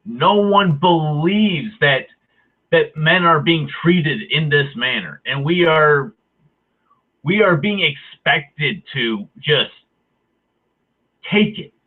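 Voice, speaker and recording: A man's voice: a little high, animated, takes it slowly. A man in a heated, profane, sarcastic rant, speaking his mind to the camera. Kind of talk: angry ranting monologue. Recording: tinny phone-like audio.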